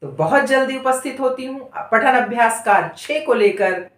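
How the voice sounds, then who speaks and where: A woman teaching Hindi reading, sounding out each syllable slowly and asking her students questions. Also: sits high, lively intonation. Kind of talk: slow syllable-by-syllable reading lesson. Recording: echoey room.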